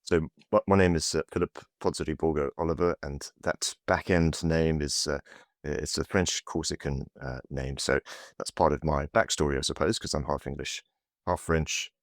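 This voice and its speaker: Very deep-voiced hesitant man. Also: steady tone, moderate pace, dry recording, studio quality. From South Africa. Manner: hesitant, many fillers and restarts. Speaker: podcast guest, consultancy managing partner. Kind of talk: casual interview over a call.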